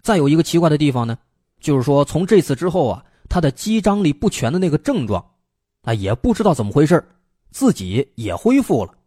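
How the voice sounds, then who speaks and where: A man's voice: a little high, sing-song, a little fast, warm tone, breathy edge, no room sound, clean studio sound. A man hosting a mystery story show, telling it in a chatty, suspense-building way with lots of filler particles. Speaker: storyteller host. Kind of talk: casual spoken storytelling of an unsolved mystery.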